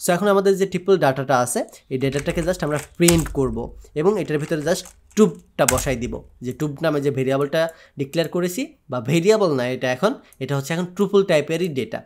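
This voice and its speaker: A man with a Bangladeshi Bengali accent teaches programming over a screen share. He walks through each step in a steady, explanatory way. He slips English technical words into his Bengali as he talks. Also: on the high side, a little fast, a little hiss or hum. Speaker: programming tutor. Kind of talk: screen-share coding tutorial.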